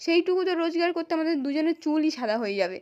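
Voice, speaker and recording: A woman's voice: high voice, animated, very fast, a little mellow, dull audio, voice pushed up. A woman with a West Bengal accent voicing a proud, bitter young wife who talks back indignantly. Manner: indignant, accusing.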